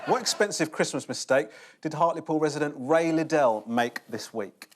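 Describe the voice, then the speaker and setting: A man's voice: on the high side, normal speed, very noisy. A man hosting a comedy panel show with dry joking delivery. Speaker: host. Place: TV studio with audience.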